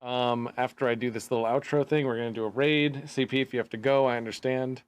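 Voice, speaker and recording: Smooth-voiced man hosting a casual podcast. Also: mid-range voice, steady tone, quick pace, no room sound. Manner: loose and hesitant, with many restarts. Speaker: podcast co-host and streamer. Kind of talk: casual chat.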